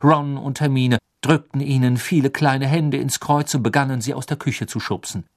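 A man narrating an audiobook in calm, even storytelling. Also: medium pitch, moderate pace.

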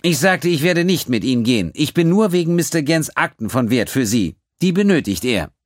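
A man voicing an arrogant male alien accountant in an audiobook, shrill and lecturing in a precise, haughty way. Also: a little fast, no echo, studio quality, close to an everyday voice. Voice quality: shrill, piercing. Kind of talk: audiobook character voice.

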